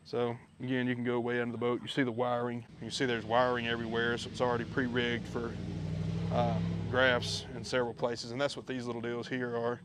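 A man giving a relaxed, chatty walkthrough of his gear outdoors, filmed on a head-mounted camera. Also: medium pitch, a little fast, background noise. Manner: relaxed, chatty, with many fillers. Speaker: fishing video host. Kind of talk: casual product walkthrough. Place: backyard outdoors. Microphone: head-mounted action camera.

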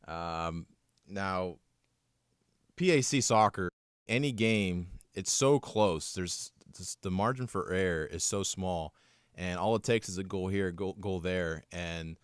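This young co-host of a college sports podcast has a low, smooth voice, captured in studio quality with no echo. He runs through scores and stats briskly and upbeat, like a promo, with some casual banter.

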